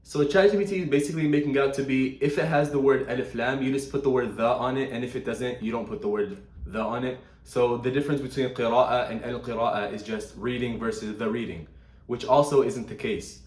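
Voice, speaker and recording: A man with a mid-range voice talks quickly through an Arabic grammar lesson. He reads answers aloud and corrects them, dropping easily into Arabic terms. His voice rings out in an echoey room. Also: mid-range voice, fairly even intonation, darkish tone. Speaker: Arabic language teacher. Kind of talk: casual explanatory commentary.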